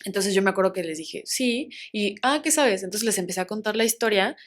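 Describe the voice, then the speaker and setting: Animated young Mexican woman telling a story. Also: mid-range voice, fairly quick. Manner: animated, acts out quoted voices, laughs often. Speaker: interview guest, actress. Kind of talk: casual storytelling in an interview.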